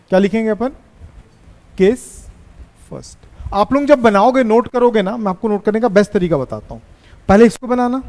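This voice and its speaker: Slow-dictating male physics teacher, roomy echo. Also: high voice, darkish tone. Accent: Hindi-accented English. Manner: slow, repetitive dictation with teasing scolds at students. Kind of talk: classroom lecture at a board. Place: classroom.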